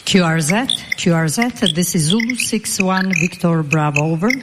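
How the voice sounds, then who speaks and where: A woman's voice: fairly low pitch, normal speed. A woman amateur radio operator calling CQ, repeating her call sign over and over, heard through fading shortwave radio reception. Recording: loud static, long reverb over shortwave.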